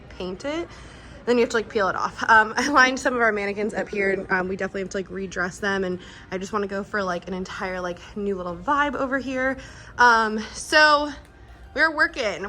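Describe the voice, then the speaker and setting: A woman's voice: mid-range voice, sharp tone. A woman giving a casual, chatty vlog tour indoors, informal and peppered with "like". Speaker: vlogger and boutique owner. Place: indoors in store units.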